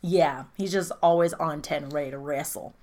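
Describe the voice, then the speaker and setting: A woman in casual chat, recapping a film with profane, animated storytelling and frequent laughter. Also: low voice, normal speed. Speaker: podcast co-host recapping a film.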